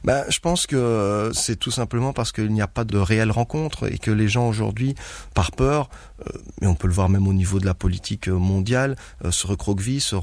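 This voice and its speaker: Fast-talking gravelly man. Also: lowish voice, a little mellow, dry recording. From Guinea. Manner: earnest, laughs often while telling stories. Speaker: actor and stage performer, guest. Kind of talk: radio interview.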